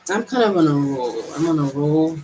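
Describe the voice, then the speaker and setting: A woman's voice: sits low, lively intonation, moderate pace, slight background noise, rough recording. A woman talking straight to camera in a casual monologue, rambling with fillers and then pushing words out with sudden emphasis. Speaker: self-help video host.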